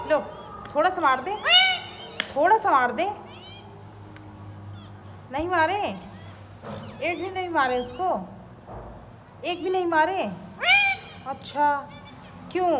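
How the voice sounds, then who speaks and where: A woman talking to her pet parrot, coaxing it with repeated sing-song questions at home. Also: extremely high pitch. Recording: echoey room with clear household noise.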